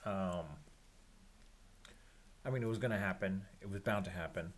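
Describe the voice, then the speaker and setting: A man giving an unscripted, resigned sports rant to viewers, rambling and halting as he repeats his phrases. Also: on the low side, a little hiss or hum. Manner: resigned, disappointed fan. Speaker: sports fan vlogger.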